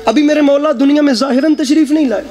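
A man's voice: very high voice, fast, a crowd in the background. A man with a Punjabi accent giving an impassioned mourning sermon at a religious gathering. He speaks with strong emotion and often swears by God. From Pakistan. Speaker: zakir reciting at a mourning majlis.

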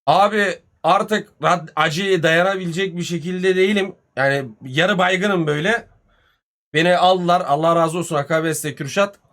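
A man, telling a story casually on a live stream, animated and full of swearing and reported speech. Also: high voice, moderate pace. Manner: profane, animated retelling with much reported speech.

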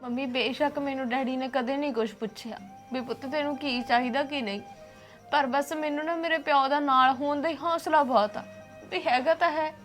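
A young actress with a Punjabi accent playing a worried, tearful daughter who pleads softly with her mother. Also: sits high, steady tone, brisk, faint music behind. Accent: Punjabi (Malwa). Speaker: actor in a short film.

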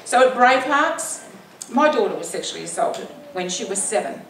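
An Australian woman in her fifties delivers a fiery rally speech at a moderate pace, booming animatedly into a stand mic at a lectern, indoors against a brick wall. She fires off rhetorical questions, and the rough recording carries slight background noise.

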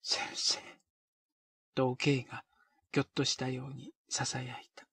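A man reading a period novel aloud in a measured, deliberate way. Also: mid-range voice, monotone, creaky, a bit bright, slightly rough, dry recording, studio quality. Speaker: narrator. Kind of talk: scripted narration of a period novel.

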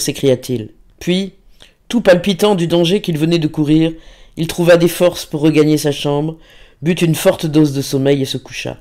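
His voice is fairly high-pitched. He narrates a classic novel as an audiobook reader would, keeping his delivery measured and full of expression.

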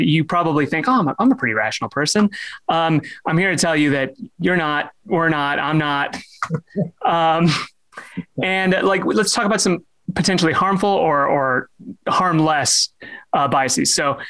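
A young man leads a casual online talk from his computer, his voice sitting a touch high. He hesitates, restarts his sentences and fills pauses with "uh" and "like". Now and then he slips in a dry joke at his own expense. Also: a bit bright. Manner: halting, many fillers and restarts; self-deprecating humor. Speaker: presenter.

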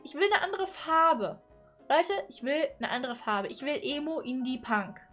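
A woman's voice: high-pitched, lively intonation, moderate pace, fairly bright tone, soft background music. A woman of twenty-one, chatty and playful, commenting casually from a small bedroom into a condenser mic. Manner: chatty, playful, exclaims and giggles. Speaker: YouTuber. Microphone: studio condenser mic on boom arm.

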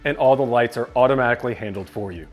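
Speaking quickly at a medium pitch over soft background music, this thirtysomething tech reviewer walks through his basement indoors and chats to the camera. He's upbeat and casual, gesturing with his hands, and wears a clip-on lapel mic.

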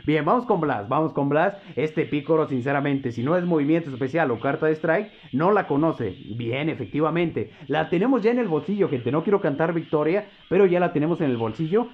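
A man's voice: fairly high pitch, fairly quick, few pauses, lo-fi sound. A man commentating his own mobile game match, joking and swearing at the opponent. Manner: excitable, swears and jokes at opponent. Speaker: gameplay commentator. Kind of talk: live mobile gameplay commentary.

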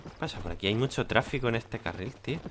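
A man's voice: mid-range voice, animated, fast talker, fairly bright tone, a little hiss or hum. A man with a Spanish accent from Spain giving casual, chatty gameplay commentary and thinking aloud.

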